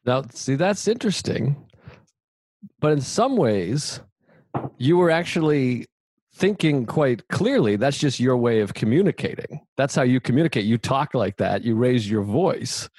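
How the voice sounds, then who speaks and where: A man hosting a casual podcast, talking in a relaxed, reflective way and swearing now and then. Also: mid-range voice, unhurried, dry recording. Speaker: podcast host.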